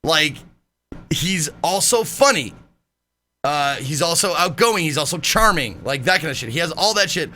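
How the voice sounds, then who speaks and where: A man streaming live, chatting casually in a loud, animated way and swearing freely. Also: fairly high pitch, normal speed, soft background music.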